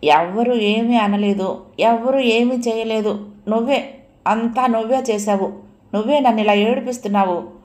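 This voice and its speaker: A woman's voice: mid-range voice, moderate pace, lightly acted. A woman reading a novel aloud and voicing a young woman who cries and pleads with her lover, turning bitter and accusing. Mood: tearful pleading. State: crying. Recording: roomy echo.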